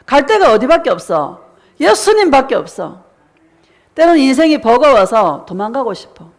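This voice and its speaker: A middle-aged woman pastor preaches in a slightly high, sing-song, brisk voice. She poses questions to the congregation and answers them herself in call-and-response style, sometimes acting out the voices of believers in quoted prayers.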